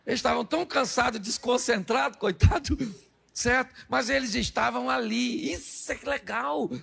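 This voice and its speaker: A Brazilian man preaches with a high, gravelly voice that has a husky edge. He tells the story with jokes, slips into the voices of the people in it, and keeps asking the congregation to answer yes or no. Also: normal speed, fairly bright tone. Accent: Brazilian Portuguese. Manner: jokey storytelling, acts out dialogue, asks the crowd "sim ou não?". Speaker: pastor. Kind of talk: humorous sermon.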